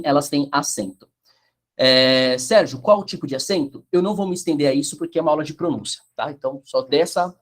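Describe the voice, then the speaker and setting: A man teaching Italian pronunciation in an online class, explaining with a sing-song lilt and checking the chat. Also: fairly high pitch.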